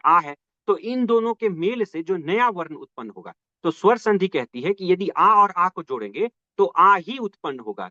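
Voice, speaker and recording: A man's voice: fairly high pitch, fairly bright tone, dry recording, muffled recording. A man teaching an exam-prep grammar lesson, asking his students rhetorical questions and answering them himself, with frequent check-ins.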